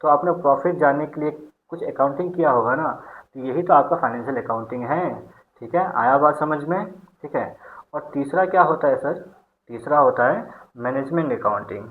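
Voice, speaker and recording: A man's voice: medium pitch, fairly quick. A man teaching an accountancy class, often checking in with his students and asking and answering his own questions. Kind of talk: online class lecture. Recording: tinny phone-like sound.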